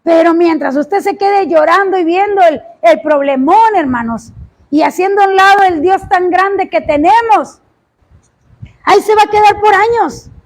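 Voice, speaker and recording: A woman preaching a sermon, impassioned, often rising to shouts and drawing out words for emphasis. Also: extremely high pitch, normal speed.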